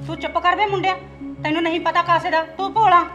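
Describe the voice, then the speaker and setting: A woman's voice: very high-pitched, fairly even intonation, quick pace, bright, forceful tone, muffled recording, soft background music. A woman playing a harsh, scolding mother-in-law in a short film. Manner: scolding, accusing.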